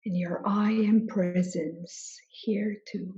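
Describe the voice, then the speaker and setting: Guiding a meditation, this woman, a spiritual teacher, uses a mellow, soft-edged mid-range voice with fairly even intonation. Her delivery is extremely slow, with deliberate pauses between phrases, on a dull, slightly muffled recording.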